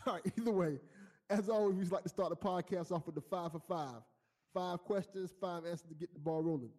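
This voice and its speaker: Brief: relaxed male podcast host from South Florida, warm dark tone, slightly raised pitch. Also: fairly quick. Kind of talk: casual podcast chat.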